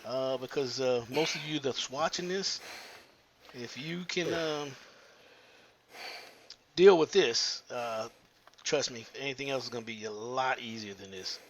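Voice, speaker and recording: Halting man narrating plumbing work. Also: medium pitch, a bit bright, a little hiss or hum. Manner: halting, with many filler pauses. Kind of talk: how-to narration while working.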